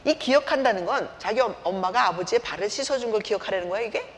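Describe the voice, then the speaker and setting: A woman's voice: mid-range voice, fast. A middle-aged woman preacher giving a sermon woven with personal stories, acting out scenes as she tells them. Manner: animated storyteller, acts out scenes. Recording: reverberant hall, faint background noise.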